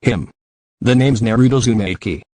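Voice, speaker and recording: A man reading the part of a cool, guarded young female spy in a deadpan tone. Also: mid-range voice, fairly quick, no room sound, close to an everyday voice.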